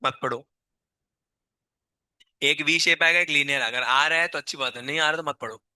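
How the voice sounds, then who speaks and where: Sharp-voiced hoarse male teacher. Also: fairly high pitch, moderate pace, no echo. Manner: quizzes and scolds students, calls them child. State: sore, strained throat. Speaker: chemistry teacher. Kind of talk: live classroom lecture.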